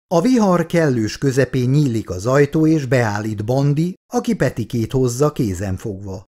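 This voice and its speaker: A man narrating an audiobook in a lively, theatrical way. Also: mid-range voice. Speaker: audiobook reader.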